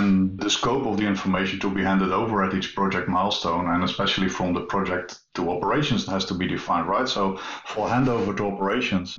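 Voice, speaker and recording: A man's voice: low voice, fairly bright tone, reverberant, lo-fi sound. A man speaking as an industry consultant guest on a podcast, explaining in a matter-of-fact way. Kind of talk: podcast discussion.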